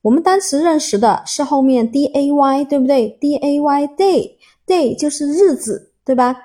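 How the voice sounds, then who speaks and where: A woman's voice: sits high, normal speed, warm tone. A woman teaching an English vocabulary word, explaining patiently, spelling letters out and repeating herself with many fillers. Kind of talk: explaining a word step by step to learners.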